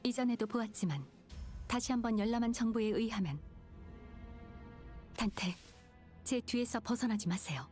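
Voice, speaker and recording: A woman playing a calm, calculating, aloof intellectual in a game, formal and detached in manner. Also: a little high, soft background music, close to an everyday voice. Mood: composed warning. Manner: measured wording, detached, formal. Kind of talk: restrained game voice acting.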